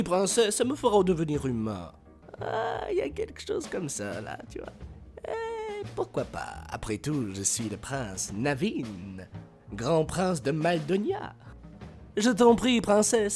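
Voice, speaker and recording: A man acts out a vain cartoon frog prince. The delivery is suave and grandiose, with wide swings in pitch and faint music behind it. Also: exaggerated voice. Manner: smooth-talking, grandiose.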